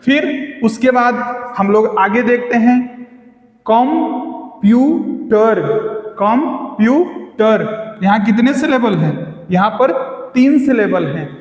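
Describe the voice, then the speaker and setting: A man teaching an exam-prep lesson, often asking questions and answering them himself, and repeating example words slowly. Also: extremely high pitch. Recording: echoey room with long reverb.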